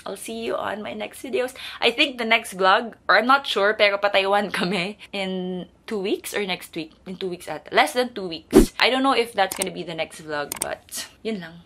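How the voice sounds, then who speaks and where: A woman's voice: mid-range voice, normal speed, few pauses, a little hiss or hum. A woman in her thirties from the Philippines, telling a chatty haul-vlog story and mixing Tagalog with English. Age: 30s. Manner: gushing, animated bursts of excitement. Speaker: vlogger. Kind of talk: casual haul vlog talk.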